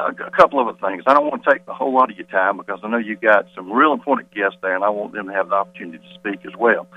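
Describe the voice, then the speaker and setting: Calling a radio interview from a quiet hallway beside a meeting, a man on the school board pushes back on claims one by one, insistent and a bit winded. His voice is mid-range with no room sound, coming through a tinny telephone line carrying mains hum.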